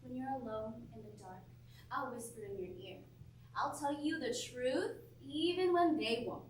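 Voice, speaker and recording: A woman's voice: high-pitched, moderate pace, slight background noise, natural voice. A woman playing a sneering inner voice. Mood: taunting. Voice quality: mocking, sneering. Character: taunting inner voice of dark thoughts, female. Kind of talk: stage play acting. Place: theatre stage. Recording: echoey stage recording from far off.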